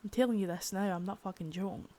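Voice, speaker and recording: A young woman, close to the mic, plays a menacing, foul-mouthed crime-boss second-in-command in a whispered ASMR roleplay. Her husky whisper has a medium pitch and a warm tone close to an everyday voice, and she talks fast.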